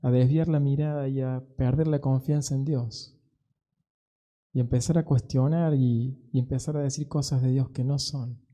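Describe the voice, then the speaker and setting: Man, pastor, sermon, earnest, deep mellow timbre, medium pitch. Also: fairly even intonation. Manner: earnest, pastoral, with slow emphatic pauses. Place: church.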